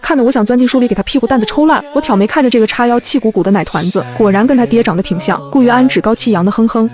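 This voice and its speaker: A woman narrates a comedic web novel in a lively, playful storytelling manner. Her delivery is rapid and her voice sits a little high, bright and quick. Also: faint music behind. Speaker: audiobook narrator.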